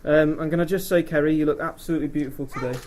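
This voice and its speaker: A young man makes an informal groom's speech, halting as he works through his thanks. His voice sits fairly high, and the live recording has noise behind it. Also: steady tone. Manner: hesitant, halting delivery. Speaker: groom giving a wedding speech.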